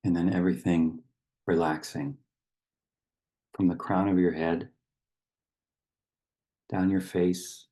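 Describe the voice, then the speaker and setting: With a low, husky, gravelly voice and a dark tone, a man guides meditation and reads poetry. He delivers slow, measured phrases flatly, with long pauses.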